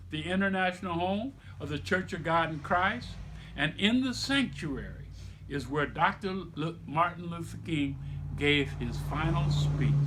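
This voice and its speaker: There's slight background noise as a middle-aged author reads his own children's book aloud in a sharp, somewhat high voice. Like a storyteller, he phrases each line deliberately and with emphasis, breaking off to explain things to his listeners.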